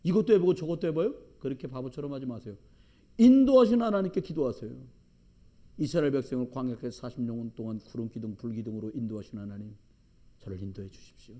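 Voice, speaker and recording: Animated middle-aged pastor preaching. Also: male voice, mid-range voice, quick pace. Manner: animated, emphatic, joking storytelling. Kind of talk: sermon. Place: church sanctuary.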